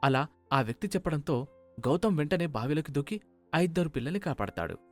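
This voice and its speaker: A man narrating a scripted cartoon moral story in a steady, even manner. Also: fairly high pitch, brisk, dry recording, faint music behind.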